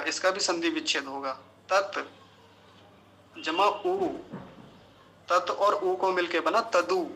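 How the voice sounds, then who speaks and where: A man teaching a pronunciation lesson, with a fairly high, bright voice, drawing out each syllable at a very slow pace. Now and then he breaks into a sung chant of a verse. A faint background hiss runs under the recording. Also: poor audio. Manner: slow, careful syllable-by-syllable enunciation. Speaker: Sanskrit teacher.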